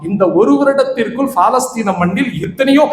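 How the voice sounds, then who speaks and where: A man from Tamil Nadu preaching as an imam, telling stories with passion. His voice moves between ringing exclamations and low, hushed retellings. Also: moderate pace. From Tamil Nadu, India. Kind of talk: Islamic sermon with storytelling. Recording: echoey hall with long reverb, faint noise.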